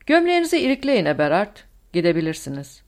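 A woman's voice: lowish voice, sing-song, fast, a little mellow. A woman voicing a stern, commanding male German colonel who barks orders. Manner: barking orders.

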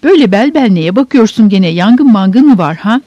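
A woman voicing a sharp-tongued, bossy older sister who scolds and nags sarcastically, in a dull, dry audiobook recording. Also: medium pitch, expressive, normal speed, no room sound, lightly acted. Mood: scolding.

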